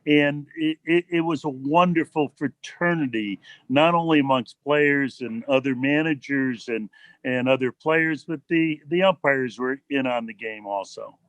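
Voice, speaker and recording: A man's voice: medium pitch, measured pace, a bit bright, dry recording, lo-fi sound. A man, a former baseball player on a panel, fondly reminiscing about the game and its umpires.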